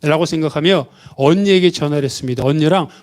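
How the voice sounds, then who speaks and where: Mellow-voiced male pastor telling a story. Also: on the high side, lively intonation, a little fast. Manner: storytelling, acting out quoted voices. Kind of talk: Sunday sermon.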